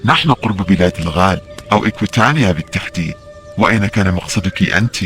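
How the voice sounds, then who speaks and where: A man's voice: sits low, animated, fast talker, fairly bright tone, soft background music. A man playing stern ancient Roman soldiers and officers in an audio drama. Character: gruff Roman soldiers and commanding officers, adult men.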